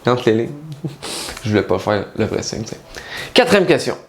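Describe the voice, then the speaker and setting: A man gives a casual spiritual-coaching talk, speaking straight to the listener. His pitch sits in an everyday middle range. He keeps asking rhetorical questions as he explains. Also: big pitch swings, moderate pace, a little hiss or hum. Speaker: life coach and spiritual guide. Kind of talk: casual direct-to-camera monologue.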